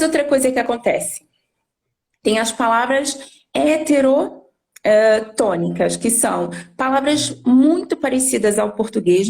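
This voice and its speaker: A woman's voice: a little high, a little mellow. A woman language teacher explaining patiently on a live stream, often checking in with tag questions. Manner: didactic, frequent tag questions.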